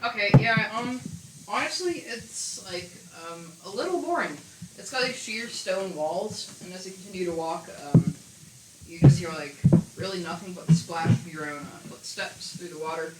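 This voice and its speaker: A woman's voice: lowish voice, moderate pace. Casual young woman GM, chatty, filler-heavy, recorded in an echoey room with noise behind. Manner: chatty, loose, lots of fillers. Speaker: game master. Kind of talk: casual tabletop narration.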